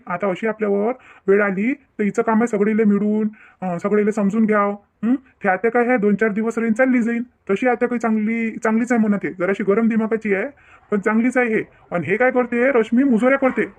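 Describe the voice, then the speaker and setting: A man's voice: very high-pitched, darkish tone. A man voicing a stressed young married man, hesitant and complaining, who stammers in a cartoon family drama.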